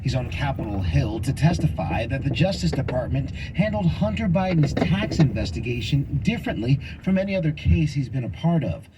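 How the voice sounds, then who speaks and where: A man's voice: mid-range voice, very animated, normal speed, few pauses. A man reading a scripted news report as a reporter. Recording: very loud background noise.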